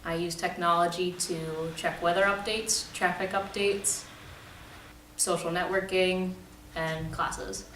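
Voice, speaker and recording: A nineteen-year-old woman, a college student, answering interview questions in a measured, plain-spoken way. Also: on the low side, fairly even intonation, fairly bright tone. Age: late teens. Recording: echoey room, distant mic, faint noise.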